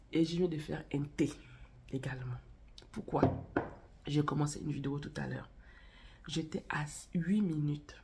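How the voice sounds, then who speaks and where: A channel host with a low, slightly mellow, husky voice chats directly to viewers and tells a story despite having a cold and a cough. Her casual spoken vlog centers on faith and marriage.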